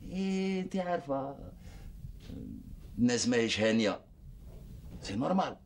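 A man's voice: medium pitch, very animated, normal speed. A weary Algerian husband who pleads and defends himself in a TV drama. His intonation swings widely, and faint noise sits behind him. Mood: pleading. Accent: Algerian Arabic. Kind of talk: TV drama acting.

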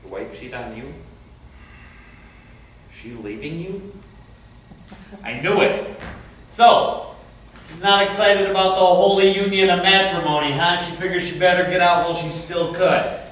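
A crude, prying stranger on a park bench rambles bluntly and vulgarly in a stage play, played by a man. His voice sits a little high. He sounds distant from the mic in a very echoey space, with faint hiss behind him. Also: unhurried, pauses often, fairly bright tone. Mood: ranting. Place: stage performance.

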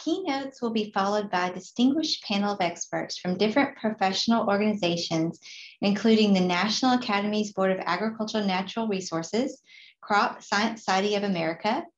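A woman in her forties announces a session schedule in an even, informative reading. Her audio sounds roomy and a little muffled, like a webcam in an indoor room. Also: mid-range voice. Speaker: program presenter. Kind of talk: scripted program announcement.

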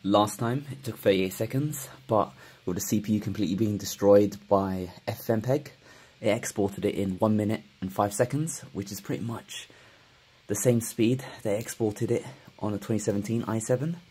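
His voice is lowish and husky, moving at a moderate pace, as this young tech reviewer chats to the camera from a home desk setup with monitors. The vlog is informal and enthusiastic, and he gets loud and giddy whenever something excites him.

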